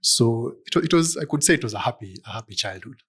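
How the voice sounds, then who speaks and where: A man's voice: medium pitch, lively intonation, fast, fairly bright tone, husky. A middle-aged man from Kenya, a law firm partner answering interview questions in a thoughtful, hesitant way with many fillers. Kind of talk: conversational interview.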